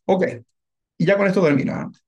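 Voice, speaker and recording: A man teaching a Bible class to his congregation as pastor, talking to them casually and often checking in with a quick question. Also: high-pitched, vocal fry, a little mellow. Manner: conversational, keeps asking the congregation "¿verdad?".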